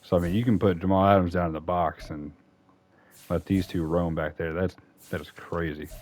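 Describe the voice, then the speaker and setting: Low-voiced man chatting through a game. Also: fairly even intonation, normal speed, darkish tone. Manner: rambling, self-correcting, chatty. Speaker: gaming YouTuber. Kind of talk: casual franchise-mode commentary.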